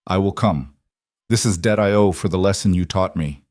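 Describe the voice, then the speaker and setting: A man voicing a huge scarred male fighter who talks slowly and gravely, with a heavy accent and broken grammar. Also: low voice, a little mellow, no room sound, studio quality, natural voice. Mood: solemn.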